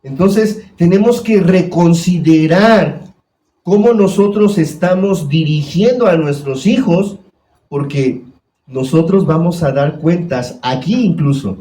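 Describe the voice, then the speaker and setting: Man, pastor, sermon, warm voice, echoey church room. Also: fairly high pitch, takes it slowly. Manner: preaching with questions to the congregation. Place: church hall.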